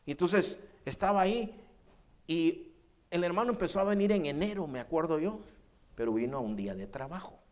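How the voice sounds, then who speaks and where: A man's voice: fairly high pitch, lively intonation, brisk, darkish tone. Spanish-speaking pastor man preaching. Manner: addresses listeners as brother often; storytelling with quoted dialogue. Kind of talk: sermon. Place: church.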